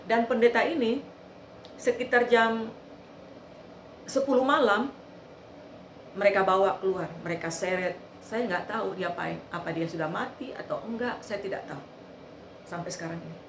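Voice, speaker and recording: A woman's voice: medium pitch, normal speed, pauses often, slight background noise. A woman giving an earnest eyewitness testimony, telling the story with repetition. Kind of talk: personal testimony. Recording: echoey room.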